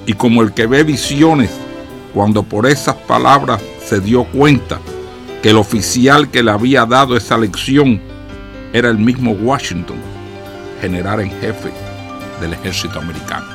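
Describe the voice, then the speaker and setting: A man's voice: mid-range voice, unhurried, over music. A man, an educator and radio commentator, telling moral stories in an earnest manner. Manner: earnest, storytelling.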